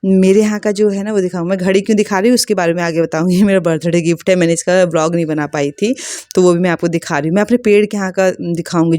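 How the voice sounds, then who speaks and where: A woman's voice: fairly low pitch, a little mellow, dry recording. A woman vlogger chatting casually and rambling with many fillers, recorded outdoors on a rooftop. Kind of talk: casual family vlog chat.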